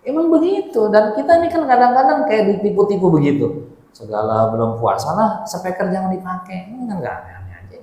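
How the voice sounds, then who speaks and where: A man giving a mosque sermon, lively and joking, chanting Arabic phrases now and then. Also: high voice, brisk. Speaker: preacher. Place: mosque hall. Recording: very echoey hall.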